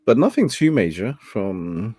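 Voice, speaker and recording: A young man hosts a casual late-night chat, speaking in a low voice with lively, swinging intonation. He is laid-back and laughs often, and the sound is dry and close. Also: a little slow, husky, no echo. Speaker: host.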